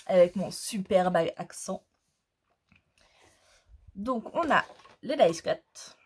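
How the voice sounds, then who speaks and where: A woman chatting casually as she shows off her crafting haul, pausing often and searching for words. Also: mid-range voice, lively intonation, slightly rough. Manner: slow, hesitant, many fillers. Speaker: crafting vlogger. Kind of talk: casual haul show-and-tell.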